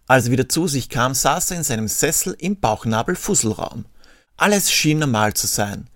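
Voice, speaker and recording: A man's voice: mid-range voice, lively intonation, normal speed, fairly bright tone, no room sound, clean studio sound. A man narrating a Christmas story with wry, sarcastic asides. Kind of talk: scripted narration.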